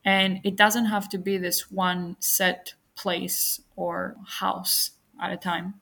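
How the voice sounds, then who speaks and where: A woman's voice: fairly low pitch, little pitch movement, slow pace, creaky, pushed and bright. A young woman from Albania, a podcast guest, answering questions in an earnest, open and personal way. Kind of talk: reflective interview answers.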